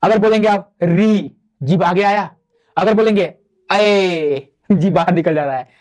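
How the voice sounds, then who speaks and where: A man's voice: sits high, a little mellow. A man teaching a Hindi grammar lecture, explaining step by step and posing questions to the class that he answers himself. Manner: drawn-out spoken demonstrations of vowel sounds; chatty classroom asides to students. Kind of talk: online exam-prep lecture.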